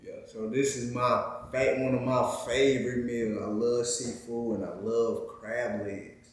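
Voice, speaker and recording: A man's voice: medium pitch, flat delivery, unhurried, distant mic. A man co-hosting a couple's vlog, talking in a laid-back, slangy way. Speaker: vlog co-host. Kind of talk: casual chat. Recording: very echoey room.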